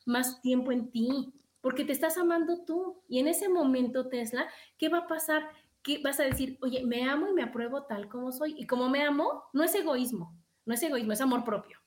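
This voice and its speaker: A woman's voice: high-pitched, reverberant. A woman hosting a talk show, speaking with enthusiasm and emphatic repetition. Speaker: show host. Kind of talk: radio-style talk show.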